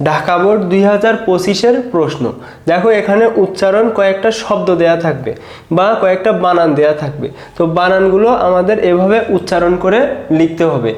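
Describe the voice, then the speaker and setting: A man's voice: high voice, brisk, a little mellow, reverberant. A man teaching an exam-prep grammar lesson. He explains patiently, step by step, and keeps telling students to look.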